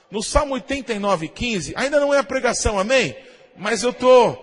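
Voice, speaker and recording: A Brazilian pastor preaching a sermon, often asking the congregation "amém?" and imitating shofar blasts. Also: male voice, high voice, breathy edge, big-room sound. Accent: Brazilian Portuguese.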